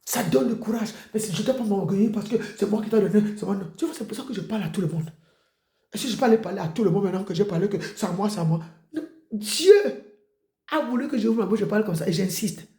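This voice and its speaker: Emphatic preacher, echoey. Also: male voice, quick pace, dark tone. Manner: emphatic, repetitive exhortation with sudden high outbursts. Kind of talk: exhortation sermon.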